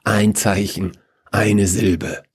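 A man voicing Death, a grim ancient male figure who speaks in a slow, cold, hushed whisper. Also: fairly low pitch, little pitch movement, breathy edge, full character voice.

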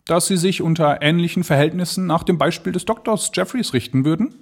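A man voicing an excitable male balloonist, speaking in high, ecstatic exclamations. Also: a little fast, slightly rough. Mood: eager.

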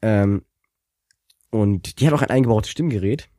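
Low-voiced rambling man, dry sound. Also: moderate pace, dark tone, dry recording. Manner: rambling, hesitant with many fillers. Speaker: podcast co-host. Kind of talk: casual chat.

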